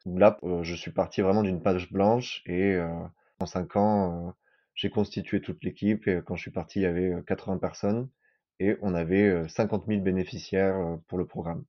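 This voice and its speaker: A man in his thirties from southern France, with a very low voice, gives a personal testimony on a podcast. He speaks haltingly, restarting phrases and repeating words as he goes. The recording sounds dull and lo-fi. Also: steady tone. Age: 30s. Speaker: podcast guest sharing his experience.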